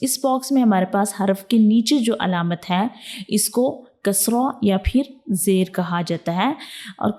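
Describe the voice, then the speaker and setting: A woman's voice: medium pitch, warm tone. A woman teaching a step-by-step Quran reading lesson. She explains patiently, repeats points, checks in often and mixes English words into her teaching. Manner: patient, repetitive explaining with frequent "theek hai" check-ins.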